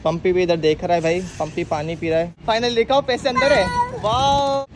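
A man vlogging in casual, excited chat, talking in quick short calls while playing outdoors. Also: sits high. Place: outdoors on a rooftop. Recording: noisy outdoor phone recording.

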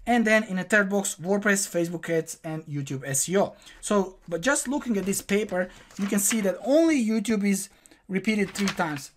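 With a high voice, the young host, whose mother tongue is Croatian, explains a screen-recorded tutorial click by click. Recorded at his desk in a small room, he instructs viewers in a plain, direct manner.

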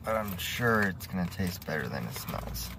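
A man in his thirties giving a casual, halting, low-key snack review to camera. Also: sing-song, gravelly. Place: inside a parked car. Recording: noisy car interior phone recording.

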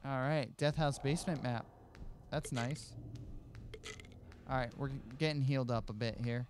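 A man's voice: medium pitch, normal speed, slight background noise. A young man giving casual gameplay commentary on a headset, reacting aloud with mild exclamations. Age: young adult. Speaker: let's play host.

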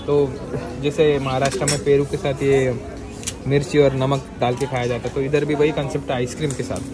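Chatty young man vlogging over loud music. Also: medium pitch, little pitch movement, a little fast. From India. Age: young adult. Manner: chatty, upbeat, mixes English into Hindi with many fillers. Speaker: food vlogger. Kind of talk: casual food vlog. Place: outdoor garden restaurant.

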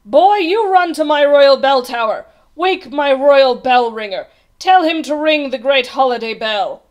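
A greedy, imperious storybook king, acted out by a woman. The voice is loud and high, exclaiming excitedly and ordering people about. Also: measured pace, lo-fi sound. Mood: snappish. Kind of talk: storybook character voice.

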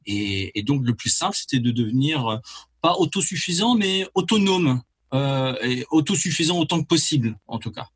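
A man, a musician being interviewed, who talks in a hesitant, halting way with many repeats and fillers. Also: medium pitch, animated, husky. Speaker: musician and label head, interview guest. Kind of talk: casual interview talk.

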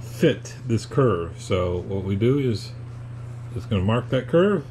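A man explaining a woodworking project in a casual, unhurried how-to manner, with fillers as he goes, recorded in a home shop. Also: fairly low pitch, big pitch swings, a little mellow, slight background noise. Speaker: woodworking hobbyist.

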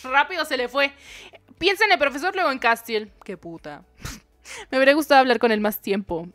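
A woman's voice: high-pitched, animated, moderate pace, fairly bright tone, dry recording. A young woman, streaming a dating game, reading its dialogue aloud and joking with her chat. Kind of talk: live game commentary.

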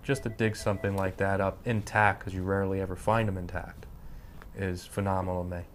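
A man, a metal detectorist, talking with halting repetitions about the thrill of the hobby in a documentary interview. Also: low-pitched, flat delivery, slight background noise. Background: soft guitar music.

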